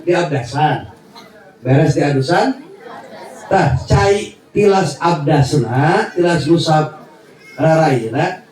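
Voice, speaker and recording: A man with a Sundanese accent preaching a lively, joking sermon to a large gathering, often laughing and raising his voice. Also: sits high. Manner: animated, joking, swings between Sundanese and Indonesian, shouts and laughs. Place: outdoor religious gathering before a crowd. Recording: very echoey, far-off, crowd and noise behind.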